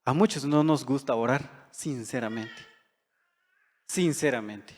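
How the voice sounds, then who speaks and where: A man's voice: medium pitch, slow, slight background noise. A man giving an earnest, conversational sermon in a church, asking the congregation questions. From Guatemala. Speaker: church brother preaching. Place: church hall. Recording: long church-hall reverb.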